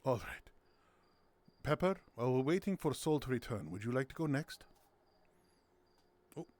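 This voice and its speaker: A man's voice: mid-range voice, very animated, moderate pace, a little mellow. A man hosting a casual game night on his stream, playful and giggly, tossing in silly sound words. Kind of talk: casual gameplay commentary.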